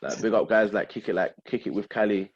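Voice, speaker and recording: Male podcast host, very low voice, informal street slang, loose casual music chat. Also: fast, slightly rough, lo-fi sound. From Essex, England.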